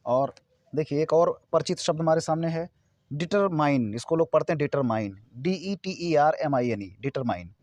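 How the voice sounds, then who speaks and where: A man giving a casual English pronunciation lesson, slowly spelling words out letter by letter and repeating them. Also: a little high, a little mellow, dry recording.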